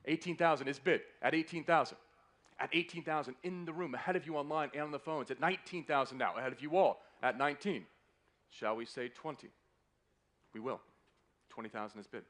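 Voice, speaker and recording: A man's voice: on the high side, fairly quick, a bit bright. A man working as a fine art auctioneer, calling a live sale with polite, courteous patter that keeps repeating the bids. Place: live auction room in a hotel.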